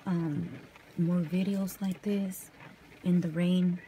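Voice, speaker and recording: A young woman from California chatting softly and casually in ASMR style while brushing her hair in a parked car at night. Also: fairly low pitch, steady tone, slow pace, slight background noise, low-quality recording. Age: young adult. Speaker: vlogger. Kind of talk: soft-spoken ASMR chat. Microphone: camera close up.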